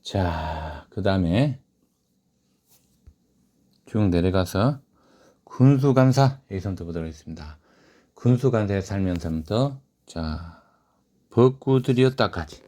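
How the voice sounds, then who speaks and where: This man teaches a short story to his literature class, asking questions and then supplying the answers himself. His low, warm voice is animated yet measured in pace, with long pauses, and he reads quotations aloud in a raised voice.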